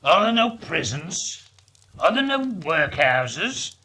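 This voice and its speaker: A man's voice: on the high side, big pitch swings, slow pace, bright, forceful tone, breathy edge, pitched above the performer's own voice, full character voice. A man voicing a stingy, grumpy old miser in a storybook reading, with a grating, stern and sarcastic delivery.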